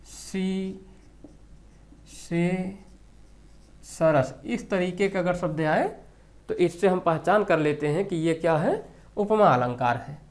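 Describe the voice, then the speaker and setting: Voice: medium pitch, takes it slowly, pauses often. A Hindi exam-prep teacher lecturing on grammar questions, who repeats key phrases and asks the class rhetorical questions.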